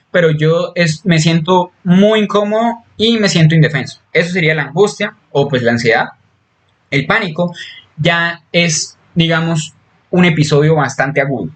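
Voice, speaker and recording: A psychology lecturer, male, with a fairly high pitch and a fairly bright tone, teaches a recorded class. He explains step by step, stumbling into fillers and restarts and repeatedly checking in with "¿sí?"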